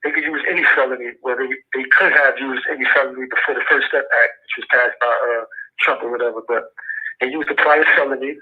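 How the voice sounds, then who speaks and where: A man's voice: medium pitch, fairly even intonation, fast, breathy edge. A man from Brooklyn with a Brooklyn New York accent, talking in laid-back street slang as an incarcerated guest calling in on a prison phone line. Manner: laid-back street slang, repeats "you know what I'm saying". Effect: heard over a prison phone line. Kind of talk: casual phone interview.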